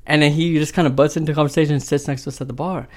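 Guy on a podcast telling a wild story, animated, keeps laughing, voice kinda high. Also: racing. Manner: animated storyteller, laughs often, acts out quotes. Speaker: show regular telling a story. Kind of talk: casual podcast chat.

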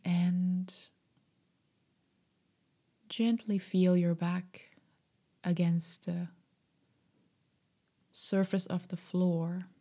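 A woman guiding a meditation in a soft, breathy, half-whispered voice, gentle, soothing and unhurried. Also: fairly low pitch, level tone. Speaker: meditation guide. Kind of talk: slow guided meditation.

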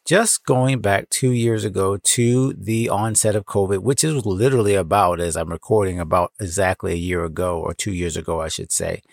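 A man's voice: low voice, normal speed, hardly any pauses, dry recording, studio quality. An American man hosting a podcast, talking to his listeners in an encouraging, emphatic way. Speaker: podcast host and founder. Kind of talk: solo podcast talk, addressing listeners. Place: clothes closet at home.

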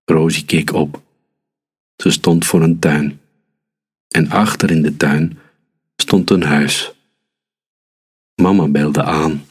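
A man reading a children's story aloud, calm and unhurried. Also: very deep voice, breathy edge.

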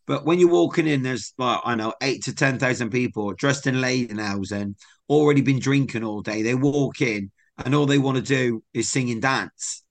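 This podcast co-host, a young man from England, chats casually and tells stories with upbeat energy. He speaks at medium pitch and moderate speed.

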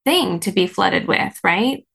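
A woman's voice: medium pitch, expressive, slow, vocal fry, a bit bright, husky. A woman guest in an interview, explaining ideas earnestly with many "like" fillers. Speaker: guest, course creator in parent health. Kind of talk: conversational interview.

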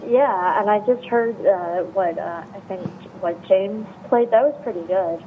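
A woman phones into a radio show and chats politely, pausing and hesitating now and then. Her pitch sits in a middle range. A faint noise runs under her voice. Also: narrow, tinny audio. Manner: hesitant, polite, uses uh fillers. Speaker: caller. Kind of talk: phone-in chat.

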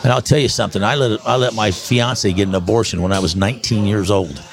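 A man in his sixties from Texas, hosting a podcast in an excitable, rambling, folksy way. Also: on the low side, fast, vocal fry. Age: 60s. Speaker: podcast host. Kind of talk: casual promotional podcast talk.

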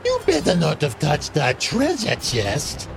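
A gruff, menacing pirate barks at children in a storybook voice, as a man puts him on. His tone is a growling threat, pitched a little higher than usual. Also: huge pitch swings, unhurried, over music, heavily acted. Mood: threatening.

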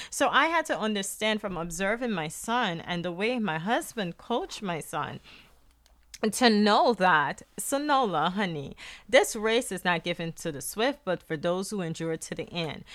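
A middle-aged Guyanese woman hosts a faith-based podcast, delivering an earnest monologue in a medium-pitched, somewhat bright voice with a Guyanese accent. She frequently repeats words when restarting a phrase.

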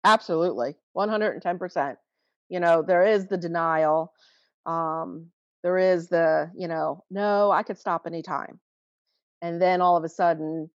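A woman in her forties speaks as a guest about her family, earnest and halting, often restarting her thoughts. Her voice sits fairly low. The recording is dry and a little muffled. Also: no echo. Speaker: guest, mother of a teen who vaped. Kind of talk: emotional personal account in interview.

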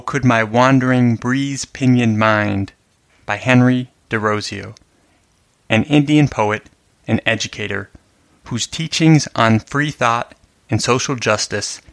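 A male host reads a sonnet aloud in a measured, careful way, then talks through its meter and imagery as literary commentary. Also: mid-range voice, no room sound. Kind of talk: poetry reading and literary commentary.

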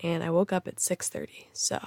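A woman's voice: on the low side, big pitch swings, fairly quick, gravelly, darkish tone, dry recording, clean studio sound. A young woman hosting a casual solo podcast, tired and a little stuffy from a cold, chatty and full of fillers. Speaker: podcast host.

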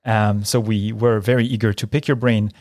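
Low-voiced male podcast host. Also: little pitch movement, normal speed, darkish tone, dry recording, clean studio sound. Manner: friendly, introduces guests, some fillers. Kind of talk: podcast interview.

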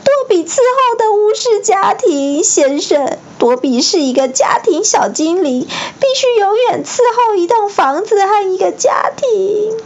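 Woman doing a shrill, sobbing storybook house-elf, servile and frantic; muffled home mic. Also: lively intonation, measured pace, hardly any pauses, exaggerated voice. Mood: anxious. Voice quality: shrill, squeaky. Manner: wailing, overly deferential.

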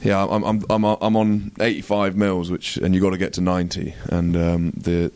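A young man from England sits in as a podcast guest, his voice low in pitch. He tells an embarrassing story, laughing through it and stumbling over his words. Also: completely flat delivery, moderate pace, darkish tone, clean tone, dry recording. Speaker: guest, rugby player. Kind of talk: casual podcast chat.

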